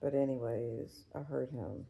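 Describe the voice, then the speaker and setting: A woman's voice: a bass voice, unhurried, creaky, dark tone, rough recording. A woman in her forties chatting casually to camera in a rambling, profane way, full of fillers. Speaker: vlogger. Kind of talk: casual chat.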